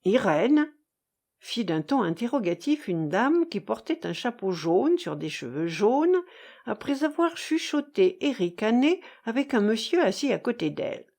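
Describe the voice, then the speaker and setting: A woman narrating a novel in an audiobook, in a measured, expressive reading. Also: a little high. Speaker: audiobook reader. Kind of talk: scripted narration.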